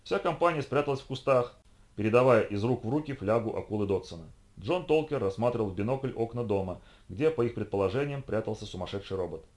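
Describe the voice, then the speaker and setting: A man narrating an audiobook in an even storytelling read. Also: lowish voice, quick pace.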